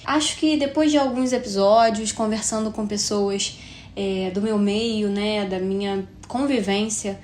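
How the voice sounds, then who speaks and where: Roomy-sounding Carioca woman in her twenties. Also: a little high. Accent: Carioca Brazilian Portuguese. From Rio de Janeiro, Brazil. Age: 20s. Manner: chatty and reflective, frequent tag questions. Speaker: podcast host. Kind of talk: solo podcast monologue. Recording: roomy echo with faint hiss.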